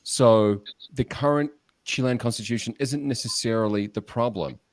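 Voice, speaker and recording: A man's voice: medium pitch, moderate pace, no echo. A man hosting an interview, asking long, hesitant questions and restarting them often. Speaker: podcast host, interviewer.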